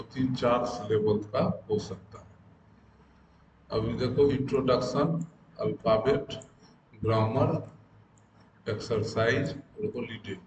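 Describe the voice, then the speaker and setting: A man teaches beginner grammar at an even mid pitch, breaking words apart and repeating them slowly. He often stops to ask the class a question. The room is echoey and a steady background noise runs under his voice. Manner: explains step by step, repeats terms slowly, asks rhetorical questions. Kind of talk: classroom-style grammar lesson.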